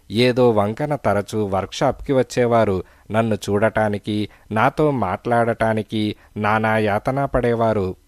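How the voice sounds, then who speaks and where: Brief: a worried young wife pouring out her story, voiced by a man, low and dry. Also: dry recording, close to an everyday voice. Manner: sorrowful, hesitant pleading. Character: frightened young married woman confessing to a detective.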